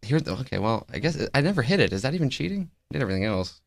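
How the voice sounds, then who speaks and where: A man's voice: medium pitch, very animated, very fast, creaky, no echo. A man co-hosting a podcast in casual chat, easygoing and rambling, acting out quotes. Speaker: podcast co-host.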